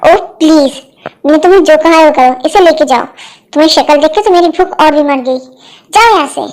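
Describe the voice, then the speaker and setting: A woman's voice: sits high, a little fast, natural voice. A woman voicing a cold, short-tempered young husband who speaks curtly and harshly. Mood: cold angry. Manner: curt, harsh, scornful.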